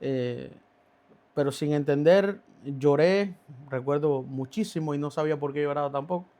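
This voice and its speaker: A man from Cuba, his voice fairly high and mellow, shares his faith story as a guest on a podcast interview. His testimony comes out haltingly, with many stops, restarts and fillers.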